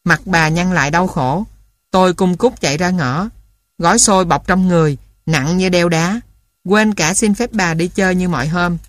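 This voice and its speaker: A woman narrating a childhood story for an audiobook in a calm, even reading voice. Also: fairly low pitch, normal speed, no room sound, clean studio sound.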